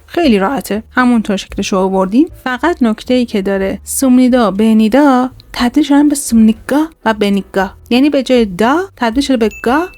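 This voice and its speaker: A woman's voice: a little high, darkish tone, dry recording. Woman teaching grammar over slides. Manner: patient explainer, repeats example words slowly. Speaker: Korean language teacher.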